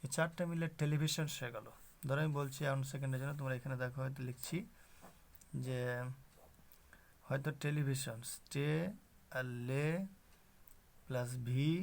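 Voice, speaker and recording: A man's voice: medium pitch, fairly even intonation, normal speed, pauses often. A man teaching an English grammar lesson to students, explaining step by step and asking rhetorical questions.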